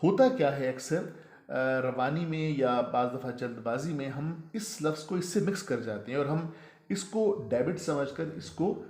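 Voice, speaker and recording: A man with a Pakistani Urdu accent teaches a pronunciation lesson at a measured pace. He spells out each word and repeats it so it sinks in. His mid-pitched voice carries a roomy echo. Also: a little mellow.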